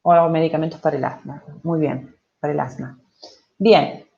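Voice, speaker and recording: A woman's voice: low-pitched, fairly even intonation, gravelly, warm tone, dull audio. A Spanish-speaking woman teaching English in an online class, explaining patiently and checking in with her students. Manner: slow, patient, asks for checks with "¿sí?" and "¿ok?".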